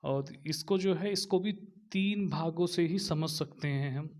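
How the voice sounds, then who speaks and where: A man delivers an exam-prep lecture in a voice pitched a little above the usual. He moves step by step, repeats key phrases and pauses as though writing notes for his students. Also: darkish tone. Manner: slow and repetitive, dictating notes while writing; explains step by step, with frequent fillers. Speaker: teacher.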